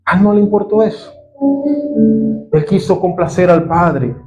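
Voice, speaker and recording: Predicador venezolano de voz aguda, apasionado. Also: male voice, high-pitched, moderate pace, music in the background, low-quality recording. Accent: Venezuelan Spanish. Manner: impassioned, swings from soft to loud. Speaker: preacher. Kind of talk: sermon.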